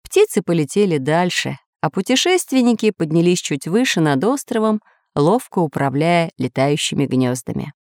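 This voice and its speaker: A woman's voice: on the low side, very animated, normal speed, a little mellow, no room sound, studio quality. A woman narrating a children's adventure story expressively, giving each character a voice. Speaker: audiobook narrator.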